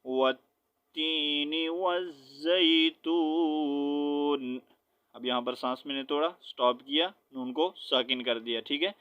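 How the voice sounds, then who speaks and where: A man teaching Quran recitation step by step, spelling out letters with their vowel marks and often checking in with his listeners, then chanting verses slowly. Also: medium pitch, dull audio. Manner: switches between quick explanation and slow drawn-out chanted recitation.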